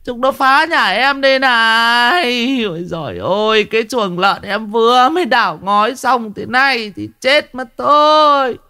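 Male narrator voicing a furious foul-mouthed village woman, high and wailing, nonstop curses. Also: expressive, moderate pace, bright, forceful tone. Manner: wailing, rhythmic cursing tirade.

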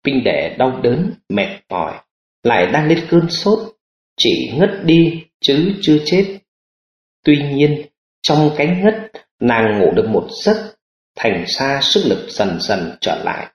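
A man narrating an audiobook in an expressive storytelling manner. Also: mid-range voice, takes it slowly. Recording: roomy lo-fi audiobook recording.

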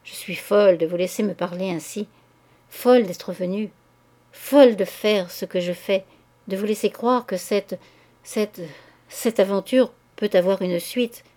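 A woman's voice: medium pitch, a little slow, warm tone, lightly acted. A woman reading a tearful guilty wife. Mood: tormented confession. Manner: breathless, faltering, tearful. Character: guilt-stricken married woman confessing love.

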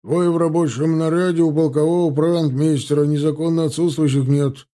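A man voicing a male army sergeant barking brisk reports. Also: on the high side, steady tone, warm tone, pitched above the performer's own voice, close to an everyday voice. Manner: barked military reports.

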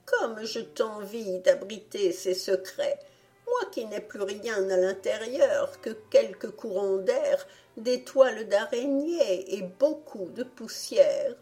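A weary, broken-down old wardrobe pleads in a soft, plaintive storybook voice, as a woman reader puts it on. The delivery is slow and mellow. Faint music plays underneath. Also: medium pitch, expressive, voice pushed up. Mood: sighing. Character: old worn-out wardrobe, tired and gentle.

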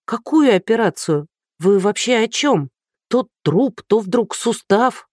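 A woman's voice: a little high, lively intonation, takes it slowly, a little mellow, no echo, studio quality, pitched above the performer's own voice. A reader voicing a flustered, anxious blonde woman in her thirties, firing off nervous questions.

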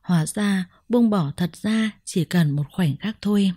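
A woman narrating a first-person story in a measured, reflective way. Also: mid-range voice, mellow, no room sound, clean studio sound.

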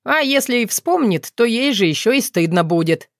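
A woman's voice: on the high side, expressive, moderate pace, no echo, clean studio sound, voice pushed up. A woman reader voicing a teasing, sarcastic young man. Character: mocking joker young man.

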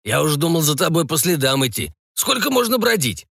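A man voicing a grumpy old village craftsman who grumbles slowly and stammers when frightened. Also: a little high, sing-song, a bit bright, husky, no echo, studio quality, pitched above the performer's own voice, full character voice. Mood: grumbling. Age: older.

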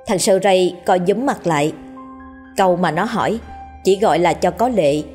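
A woman telling a scripted ghost story in a steady, dramatic storyteller's manner. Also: fairly low pitch, moderate pace, faint music behind. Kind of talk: scripted horror story narration.

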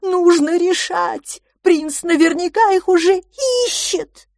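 A woman voicing a desperate, shaggy-browed male giant monster who shouts high and loud as he pleads for help. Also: steady tone, slow, dry recording, studio quality, full character voice. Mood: desperate pleading.

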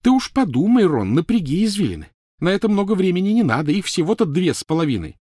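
A man voicing a furious teenage girl witch who shouts, shrieks and mocks with biting sarcasm. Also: high-pitched, sing-song, quick pace, breathy edge, no echo, clean studio sound, voice pushed up, exaggerated voice. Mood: sarcastic.

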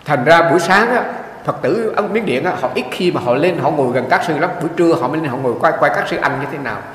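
A monk, giving a dharma talk in lively storytelling. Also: male voice, fairly high pitch, quick pace. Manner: lively storytelling, acting out quoted voices. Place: meditation hall. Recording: echoey hall from a distance.

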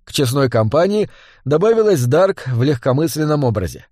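A man narrating a gritty story in a steady, even reading voice. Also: fairly high pitch, moderate pace, no room sound, studio quality. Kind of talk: audiobook narration.

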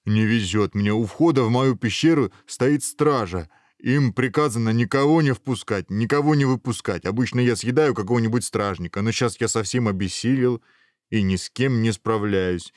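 A man voicing a hungry, blustering male ogre in a storybook tale, gruff and scolding. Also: mid-range voice, normal speed, a little mellow, no room sound, studio quality, lightly acted. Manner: gruff, scolding, then faint and dying.

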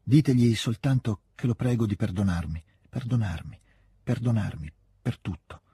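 A man's voice: on the low side, moderate pace, mellow, husky, no echo, studio quality. A man reading the lines of a young noblewoman, pleading and ashamed, who repeats her words brokenly.

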